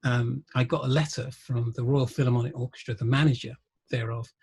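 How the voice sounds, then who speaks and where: A middle-aged man, a guest musician and researcher, telling wry anecdotes in an interview, often pausing with ums. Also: medium pitch, steady tone, a little mellow, breathy edge. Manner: anecdotal, wry, laughs through stories, frequent ums. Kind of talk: conversational interview storytelling.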